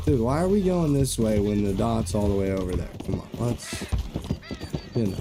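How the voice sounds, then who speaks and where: Low-voiced young gamer, casual and jokey. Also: male voice, normal speed, noisy background. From Arizona. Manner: casual, jokey, swears freely. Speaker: gamer streaming a playthrough. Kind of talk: let's play commentary. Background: game music and horse hooves.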